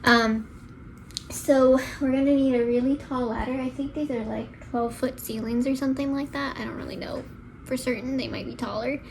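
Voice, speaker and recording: Chatty young woman, slightly high voice. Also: steady tone, moderate pace, a little hiss or hum, rough recording. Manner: rambling, chatty. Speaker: pregnancy vlogger. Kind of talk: casual chat to camera. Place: bedroom at home.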